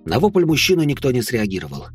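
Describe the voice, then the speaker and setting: A man narrating a first-person audiobook in a steady, tense way. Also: mid-range voice, fast, faint music behind.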